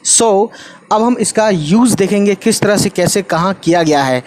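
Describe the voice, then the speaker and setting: एक पुरुष उर्दू शिक्षक, आराम से समझाते हुए पाठ पढ़ाता है और बार-बार "ठीक है" कहता है, बीच-बीच में अंग्रेज़ी शब्द मिलाता है।. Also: male voice, high voice, unhurried, darkish tone. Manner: repeats "ठीक है" often, mixes English words. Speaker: Urdu teacher. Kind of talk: casual explanatory lesson.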